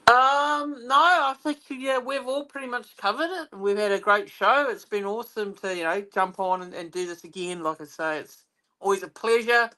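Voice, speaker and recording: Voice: medium pitch, normal speed, pushed and bright, poor audio. Easygoing co-host wrapping up a show. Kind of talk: casual podcast chat.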